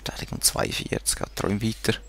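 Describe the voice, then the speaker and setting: Talking fast with a somewhat bright tone, a Swiss German-accented man narrates his strategy game session in a casual way, half to himself and half to the units he controls. There's slight background noise, and he's a let's play gamer.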